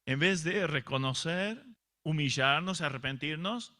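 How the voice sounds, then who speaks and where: A man's voice: a little high, a little slow, pushed and bright. A man preaching a sermon as pastor, asking rhetorical questions and often restarting his phrases.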